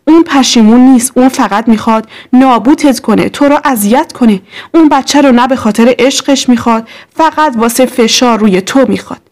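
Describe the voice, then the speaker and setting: A woman's voice: fairly high pitch, darkish tone, lightly acted. A woman reading the lines of an earnest, firm young fiancé in a storybook. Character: protective young man, steady fiancé.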